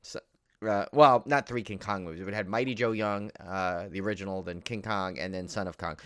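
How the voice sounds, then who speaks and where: This New York-area American co-host rambles happily through a casual podcast chat about horror films, frequently circling back to earlier points. His voice sits low and sounds smooth and brisk, with fairly even intonation, and the studio-quality audio has no echo.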